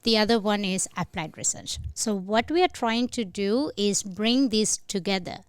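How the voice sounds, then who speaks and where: A woman from Sri Lanka, a podcast guest, explaining her program in a measured way with some hesitant fillers. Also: mid-range voice, smooth, no room sound. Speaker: guest, incubator head. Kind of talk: podcast interview.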